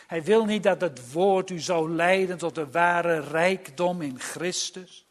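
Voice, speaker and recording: This man's voice is pitched high for a male, and his sermon carries serious, forceful warnings. His pace is slow, with drawn-out words pressed hard for stress.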